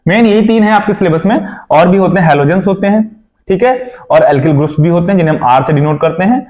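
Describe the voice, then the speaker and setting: A man's voice: high-pitched, quick pace, a little mellow, muffled recording. A young man teaching a chemistry lesson, checking in with his students often and repeating his own questions.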